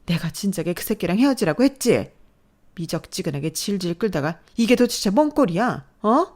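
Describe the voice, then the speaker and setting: A woman voicing a furious, domineering middle-aged mother who scolds loudly in a dramatized story. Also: medium pitch, very animated, moderate pace, pitched above the performer's own voice, natural voice. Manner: shouting, scolding.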